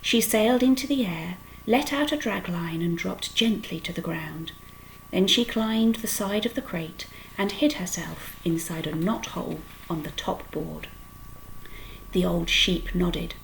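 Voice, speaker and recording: A woman reading a children's book aloud with expressive storytelling. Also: fairly low pitch, measured pace, gravelly, a little hiss or hum, rough recording. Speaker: storytime reader.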